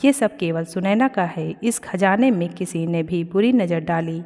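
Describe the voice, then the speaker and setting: A woman's voice: fairly low pitch, moderate pace, mellow, lightly acted. A woman voicing a wise, protective old woman who speaks solemnly and gives blessings. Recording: long reverb.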